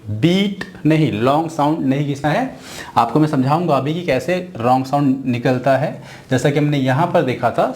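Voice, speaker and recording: A man's voice: a little high, a little mellow. A man teaching an English phonics lesson at a board, drawing out and repeating each sound. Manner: slow, drawn-out, repeating sounds.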